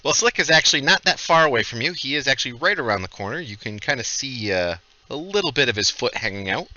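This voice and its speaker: A man's voice: mid-range voice, very animated, fast talker, sharp tone, no room sound, dull audio. A man running a tabletop game as game master, narrating and ruling on the players' actions.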